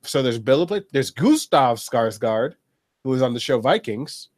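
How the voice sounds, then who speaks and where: A man co-hosting a casual podcast chat, joking in a lively way. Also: medium pitch, moderate pace, no room sound, studio quality. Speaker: podcast co-host.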